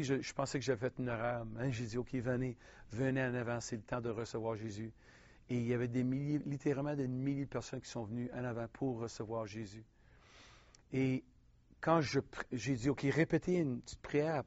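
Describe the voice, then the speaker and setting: A man from Quebec with a Québécois French accent, preaching a personal testimony in an earnest, halting way with frequent restarts. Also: mid-range voice, darkish tone, dry recording, muffled recording.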